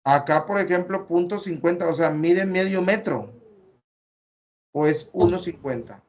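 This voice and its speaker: Mexican male teacher, slightly high voice, explains slowly, lots of fillers. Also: muffled recording. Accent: Mexican Spanish. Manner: explains step by step, corrects patiently, many fillers. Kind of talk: online class, reviewing student data.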